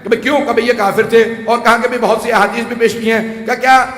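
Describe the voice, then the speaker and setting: High, bright-voiced preacher in echoing hall. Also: male voice, flat delivery. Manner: rhetorical, rising to shouts, joking asides. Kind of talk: Urdu majlis sermon. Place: large hall with audience. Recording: echoey hall, faint ambience.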